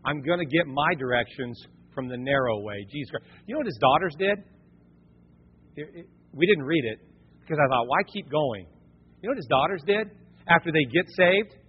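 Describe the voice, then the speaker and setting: A husky, fairly high-pitched man preaches a sermon with animated energy, pushing toward near shouts on his key points. The recording is dull and lo-fi, and long reverb trails off each phrase in the sanctuary. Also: brisk. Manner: animated, rising to near shouts when emphatic. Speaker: pastor.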